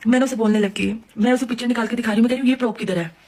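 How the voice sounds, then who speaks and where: Fast-talking young Pakistani woman vlogger. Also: on the high side. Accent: Pakistani Urdu. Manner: fast, animated retelling with acted-out quotes. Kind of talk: casual storytelling vlog.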